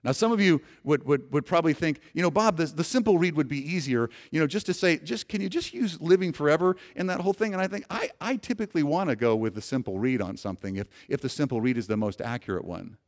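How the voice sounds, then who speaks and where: Guy preaching a sermon, fairly high voice, gets the crowd to say lines with him, lots of restarts. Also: expressive, quick pace, few pauses. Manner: earnest preaching, asks congregation to repeat lines aloud; frequent restarts and repeated words. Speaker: pastor.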